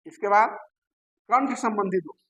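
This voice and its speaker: A man teaching a lecture, posing questions to his listeners and answering them himself, repeating key terms slowly. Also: high voice, sharp tone, breathy edge, poor audio. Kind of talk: classroom lecture.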